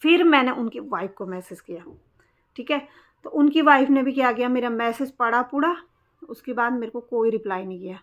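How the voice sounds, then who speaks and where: A woman's voice: a little high, a little fast. A woman vlogger telling a personal story in a blunt, aggrieved way, in casual vlog talk. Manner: blunt, aggrieved recounting of a quarrel. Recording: dull lo-fi sound.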